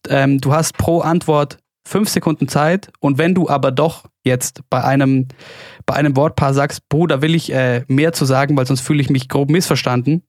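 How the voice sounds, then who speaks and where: A male podcast host explaining a game and firing off quick either-or questions in a brisk, upbeat way, with many fillers. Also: medium pitch, fairly even intonation, darkish tone, no room sound, studio quality. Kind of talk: quick-fire question game and sports chat.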